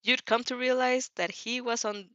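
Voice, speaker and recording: A woman with a fairly high, fairly bright voice reads fan fiction aloud as an amateur narrator, keeping a steady tone at normal speed. She frequently trips over words and goes back to repeat phrases, and the recording is dry, lo-fi, and a little dull.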